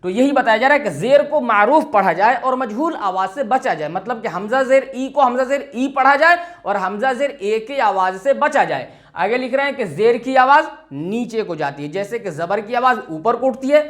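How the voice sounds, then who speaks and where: A high-voiced man teaching a step-by-step reading lesson. He spells out syllables slowly and deliberately. Then he quizzes the listener and answers his own questions. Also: animated, a bit bright.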